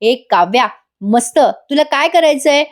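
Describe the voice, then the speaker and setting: A woman's voice: sits high, expressive, a little slow. A woman reading the lines of a cheerful, doting mother-in-law. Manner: warm, doting.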